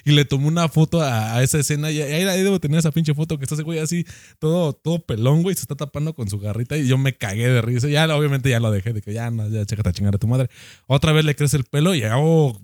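A young man with a Mexican accent telling a profane, animated anecdote in casual chat. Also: mid-range voice, fast, no echo, studio quality. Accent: Mexican Spanish.

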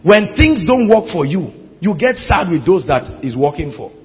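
A man preaching a sermon with a Nigerian accent, shouting exhortations and firing rhetorical questions at the congregation. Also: high-pitched, big pitch swings, normal speed, big-room sound, highs cut off, soft background music. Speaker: pastor.

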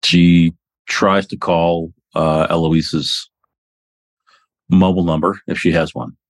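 A man's voice: low-pitched, little pitch movement, takes it slowly, no room sound. A man playing a tabletop game, casually describing what his character does. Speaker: player. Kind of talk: narrating character actions.

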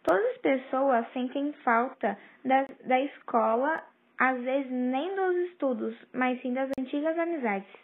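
High-voiced woman on a tinny phone recording. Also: unhurried. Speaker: student guest answering a question. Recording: tinny phone-quality audio.

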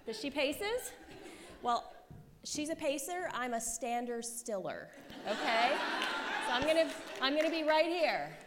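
Speaking to a live conference crowd, a pastor's wife from the United States in her forties delivers a sermon that is chatty and self-deprecating, peppered with "right?" and "okay?". She has a high, expressive voice and takes a measured pace. The recording comes from a reverberant hall with faint room noise.

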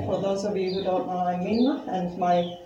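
A Finnish woman with a Finnish accent, a lay preacher, introduces her first sermon humbly, with light self-deprecating humor and a few hesitant fillers. Her warm, lowish voice keeps a fairly even intonation at a moderate pace. The lo-fi recording comes from a distant mic in an echoey church hall, with faint ambience and slight background noise.

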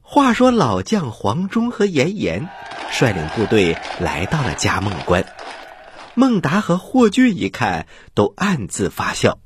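A man hosting and telling stories for children in an expressive, dramatic style, addressing his young listeners directly. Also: medium pitch, a little slow, slight background noise. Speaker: children's storyteller and show host.

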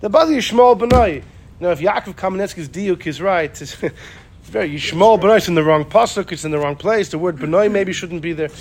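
A man teaching an informal Torah class, animated, often repeating himself and acting out the people he quotes. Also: high voice, brisk, slight background noise. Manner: animated, acts out quoted speakers, repeats phrases.

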